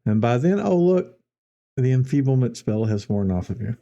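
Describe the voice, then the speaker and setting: A man's voice: mid-range voice, big pitch swings, moderate pace, vocal fry, warm tone. A man running a tabletop game as game master, describing scenes in a loose, conversational way.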